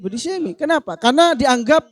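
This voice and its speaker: Asked a question in a casual discussion, a man answers in a playful, joking way and acts out example phrases. His voice is very high-pitched, animated and brisk.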